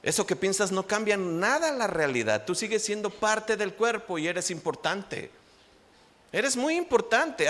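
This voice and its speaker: A man preaching a Sunday sermon in church, animated and asking the congregation rhetorical questions. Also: sits high.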